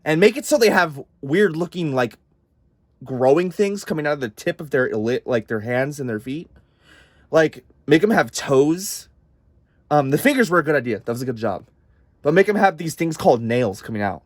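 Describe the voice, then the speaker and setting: A man's voice: a little high, animated, normal speed, no echo. A man delivering a profane, exasperated comedic rant, talking in a rambling way. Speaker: comedic vlogger.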